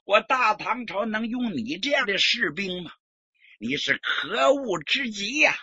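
A man's voice: high-pitched, sing-song, a little slow, pushed and bright, husky, no room sound, pitched above the performer's own voice, full character voice. A man playing an arrogant, hot-tempered young prince commander who bellows and mocks. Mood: furious. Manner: bellowing, imperious, mocking. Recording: dull lo-fi recording.

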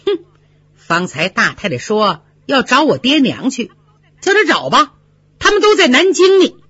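A storyteller voicing a proud, defiant young maidservant who speaks in an indignant, sharp-tongued way. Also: high voice, huge pitch swings, unhurried, slightly rough, no room sound, pitched above the performer's own voice, full character voice. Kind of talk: storytelling with voiced characters. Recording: dry, slightly dull lo-fi recording.

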